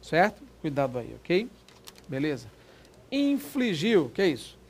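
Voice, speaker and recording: A man teaching a Portuguese exam prep lesson in a lively, quick, informal way, often checking that the class follows. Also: fairly high pitch, a little hiss or hum.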